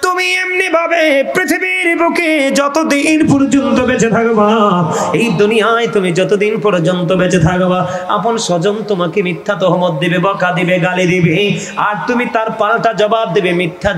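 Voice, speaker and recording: Man preaching with a comilla accent, high voice, calls out to the crowd, echoey PA sound. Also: normal speed, fairly bright tone. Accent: Comilla Bengali. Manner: calls out to the audience for responses, chanting pleas. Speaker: Islamic preacher. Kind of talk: Bengali waz sermon to a crowd.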